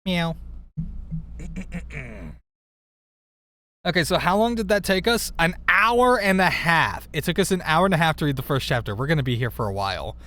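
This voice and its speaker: A man's voice: on the high side, very animated, normal speed, long pauses, pushed and bright, slight background noise. A man streaming a casual reading of a friend's story, narrating and breaking off with giggly, self-deprecating asides.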